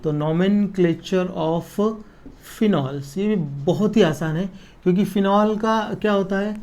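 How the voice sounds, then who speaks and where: A man teaching a chemistry lesson at a board, dictating notes slowly word by word and checking that students follow, with in the technical terms. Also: high voice, darkish tone. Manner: slow dictation, drawn-out words, frequent checks for understanding.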